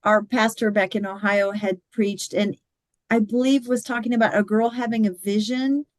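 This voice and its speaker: A woman's voice: medium pitch, fairly even intonation, moderate pace, no room sound. A woman taking part in a casual church class discussion on a video call, hesitant and searching for words. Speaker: class participant.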